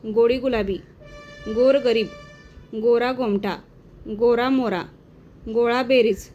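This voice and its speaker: A woman teacher giving an exam-prep lesson, reading out word pairs one by one in a slow, clear dictation. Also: on the high side, steady tone, a little mellow, muffled recording, soft background music.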